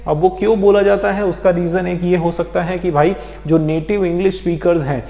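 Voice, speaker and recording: A man from India teaching English vocabulary in an exam-prep lecture, explaining slowly and checking in with his students again and again. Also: high voice, steady tone, gravelly, mellow. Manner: explains slowly with many repeated check-ins. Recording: echoey room with long reverb.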